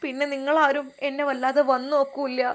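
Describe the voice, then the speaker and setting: A woman's voice: high voice, flat delivery, a little fast, lightly acted. A woman voicing a hurt, timid young married daughter. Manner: timid, defensive.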